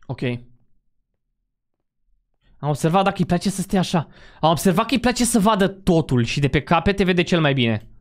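A man with a fairly high voice hosts a gameplay session with his friends. He is bossy and fires off quick orders to the group. He taunts loudly and yells when he is being chased. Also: expressive. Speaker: gaming channel host. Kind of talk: live gameplay chat with friends.

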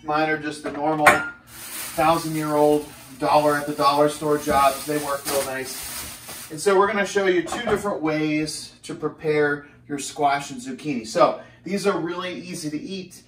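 This is a man in his thirties with a higher-leaning voice and moderate pace, cooking and cracking jokes with upbeat energy as a fitness cooking host. The camera is a few steps away in his small, echoey home kitchen, leaving him far from the mic and slightly off-mic, with slight background noise.

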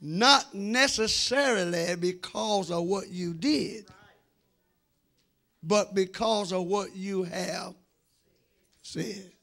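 A slightly bright, high voice moves slowly with long pauses as a middle-aged American senior pastor preaches. Holding a handheld microphone in the church sanctuary, he speaks emphatically and directly to the congregation, drawing his phrases out.

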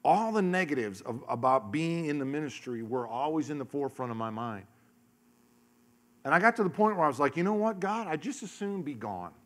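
A middle-aged man, a pastor, preaching a sermon into a handheld microphone on a large church stage, telling stories and acting out voices, dropping to a hush and then rising loud. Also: fairly high pitch, very animated, fairly quick. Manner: storytelling, acts out voices, shifts from hushed to loud. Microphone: handheld mic.

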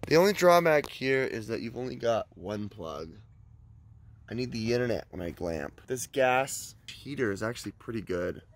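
A man's voice: medium pitch, big pitch swings, moderate pace. A man hosting a casual vlog, sounding groggy as he chats his way around a campground and into a tent, filmed on a handheld camera. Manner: chatty and upbeat, with loose fillers. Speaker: vlogger. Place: campground, outdoors and inside a tent.

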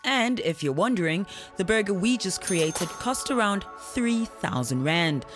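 A woman reporter reading a scripted, lively news voice-over. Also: mid-range voice, a little slow. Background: music bed.

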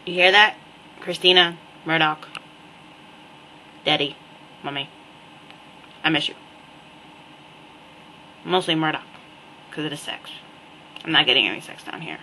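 Wry slow-talking New woman. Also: deep voice, slight background noise, rough recording. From New Jersey. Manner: wry, repetitive, deadpan asides. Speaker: vlogger. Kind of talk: casual webcam monologue.

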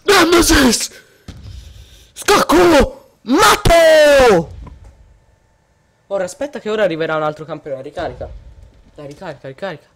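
Animated gamer ranting at opponents. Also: rapid-fire, a little hiss or hum. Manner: swings between low muttering and outraged yelling at opponents. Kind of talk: gameplay commentary.

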